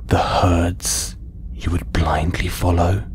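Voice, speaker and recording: A low, breathy, whispery male voice plays a possessive alien collector keeping a human as a specimen, in an intimate ASMR audio roleplay. Pitch barely moves, and there's slight background noise. The delivery is slow, condescending and coaxing, with a patronising tone.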